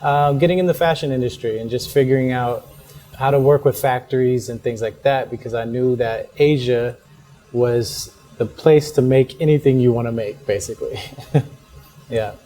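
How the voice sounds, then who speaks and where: Chill young guy, mellow warm voice, laughs a lot while chatting, faint music under it. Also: mid-range voice, normal speed. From born in the United States, raised in Hong Kong. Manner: relaxed, laughs often, many fillers. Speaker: interview guest, fashion entrepreneur. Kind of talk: casual interview chat.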